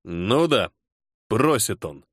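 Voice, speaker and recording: A weary, irritable colonel who grumbles and needles his defiant subordinate, performed by a male audiobook reader. His voice is gruff and sarcastic. The sound is dry and close, with no room. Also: on the high side, big pitch swings, normal speed, no echo. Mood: irritated. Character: weary irritable older male colonel, security service chief.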